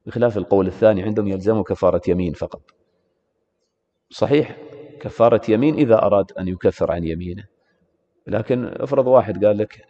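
A low-pitched man with a gravelly, mellow voice lectures students on religious law. He keeps prompting them with rhetorical questions. The sound is muffled and lo-fi, with a long hall reverb. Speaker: teacher of Islamic law. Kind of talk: classroom lecture on jurisprudence.

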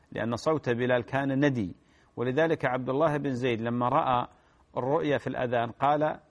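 Measured Arabic-speaking scholar answering questions. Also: male voice, medium pitch. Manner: measured, repeats key phrases, clears throat. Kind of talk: religious Q&A lecture.

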